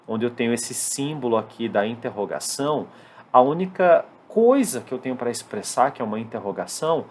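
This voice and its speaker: A Brazilian man with a Brazilian Portuguese accent, teaching an English lesson at a whiteboard and slowing down to spell out English examples. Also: medium pitch. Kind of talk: classroom-style lesson at a whiteboard.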